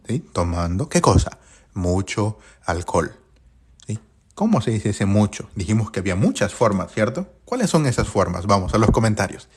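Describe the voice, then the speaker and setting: Husky male teacher, lively questioning. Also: lowish voice. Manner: questioning, repeats answers back to viewers. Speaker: English teacher. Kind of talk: live-streamed grammar lesson.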